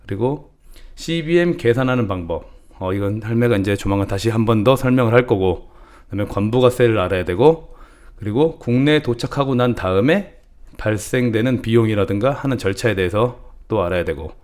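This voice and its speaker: A man's voice: on the low side, a little fast, darkish tone. Folksy middle-aged man explaining importing. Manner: folksy, calls himself grandma, banmal to viewers. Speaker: channel host teaching importing. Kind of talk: casual instructional talk.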